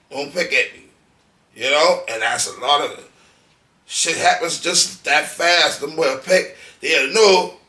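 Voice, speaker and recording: A man's voice: high-pitched, bright, forceful tone, distant mic. A man speaking as a podcast guest, telling blunt, profane stories and acting out quotes in casual conversation. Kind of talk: casual interview chat. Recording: echoey room, off-mic.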